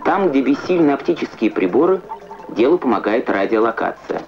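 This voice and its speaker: A man reading scripted educational science newsreel narration in a measured, declamatory way with precise diction. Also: mid-range voice, very animated, noisy background. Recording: muffled vintage Soviet film soundtrack.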